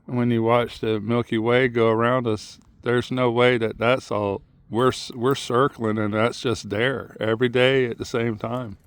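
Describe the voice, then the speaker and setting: A man's voice: mid-range voice, level tone, measured pace, few pauses, smooth, no room sound. A man vlogging in a rambling, plain-spoken monologue as he walks outdoors, musing and drifting from one thought to the next. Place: outdoors on a muddy tidal shore.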